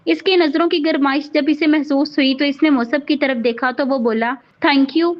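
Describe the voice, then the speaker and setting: High-voiced woman reading a romance novel. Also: fairly even intonation, normal speed, dull audio. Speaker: novel reader.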